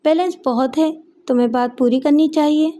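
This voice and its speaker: A woman voicing a courteous, calm young man in an audiobook story. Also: sits high, brisk, a little hiss or hum, lightly acted. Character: polite, composed young man. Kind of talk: audiobook character voice.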